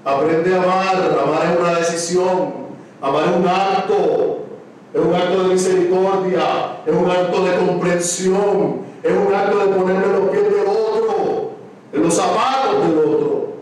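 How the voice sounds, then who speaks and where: A man preaching a sermon, swinging from shouts to hushed words. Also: high-pitched, steady tone, unhurried, a little hiss or hum. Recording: echoey, distant room mic.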